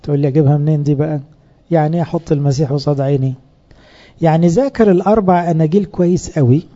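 An Egyptian-accented priest preaches a sermon to a room of fellow priests, keeping it relaxed and conversational and often posing questions he then answers himself. His voice is very dark and mellow, sitting a little high, and the recording sounds somewhat dull and lo-fi.

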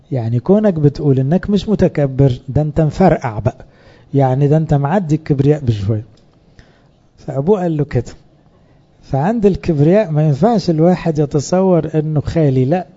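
Dark-voiced Egyptian priest preaching conversationally. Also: male voice, a little high, dull audio. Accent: Egyptian Arabic. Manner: conversational preaching with rhetorical questions. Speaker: priest teaching other priests. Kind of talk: sermon.

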